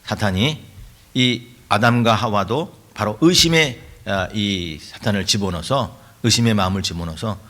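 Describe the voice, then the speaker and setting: A man preaching a sermon as pastor, with emphatic rhetorical questions and frequent throat clearing. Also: fairly low pitch, normal speed, bright, forceful tone.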